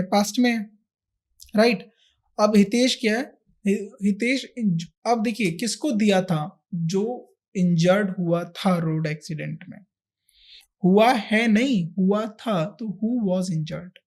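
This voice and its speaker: In a high, faintly mellow voice, an Indian-accented man delivers a grammar lesson to exam candidates. He explains English grammar step by step, leaning on repetition and rhetorical questions, and moves back and forth between Hindi and English.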